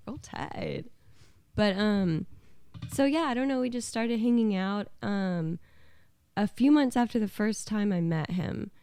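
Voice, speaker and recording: A young American woman from Alabama and the southeastern US co-hosts a podcast, telling stories in a casual, laid-back, sarcastic way. Her medium-pitched voice is smooth and dark in tone, a little slow, and the recording is dry.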